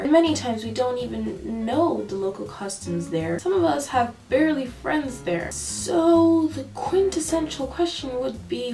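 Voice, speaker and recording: A young woman talking to camera in a personal vlog, playful and sarcastic with animated asides. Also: a little high. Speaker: vlogger. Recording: echoey room, mic at a distance. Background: faint jazz music.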